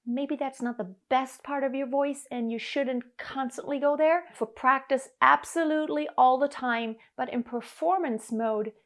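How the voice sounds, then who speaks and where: This German vocal coach, a woman in her thirties, speaks in a high, fairly bright voice at a measured pace with hardly any pauses. She's filming an earnest, encouraging singing lesson to camera from her living room, standing in front of an upright piano.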